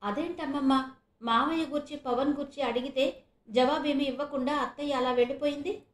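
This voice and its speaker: A woman voicing a kind young man who reassures his aunt warmly. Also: on the high side, normal speed, reverberant, lightly acted. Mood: reassuring. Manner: warm, reassuring.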